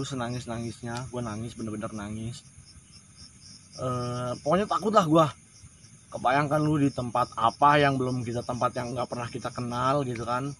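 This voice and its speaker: A man's voice: medium pitch, slight background noise. A man casually retelling a strange personal experience in slangy, repetitive first person, full of emotion. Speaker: storyteller. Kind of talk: casual spoken ghost-story retelling.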